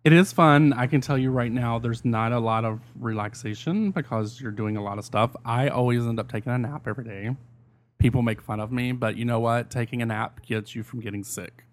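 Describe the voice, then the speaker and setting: A man's voice: medium pitch, a little fast. A man hosting a podcast in casual chat, talking in a blunt, salty, conversational way. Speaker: podcast host.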